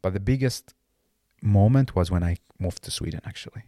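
Speaking as a guest in a relaxed interview, a man in his late twenties from Iraq, not an English speaker, has a very deep, warm voice. His speech is halting, with restarted phrases as he looks for the right words. The recording is dry and close-up, with hardly any room around it.

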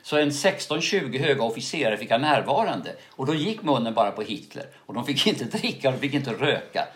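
Being interviewed casually, an older male actor recounts stories with plenty of energy, frequently tacking a questioning tag onto the end of sentences. His voice is medium in pitch.

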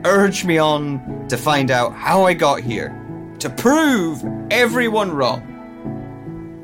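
Using a full character voice at a fairly high pitch, a male actor plays a scholar tormented by guilt and missing memories. His monologue for the audio drama comes in halting, deliberate phrases, anguished and desperate.

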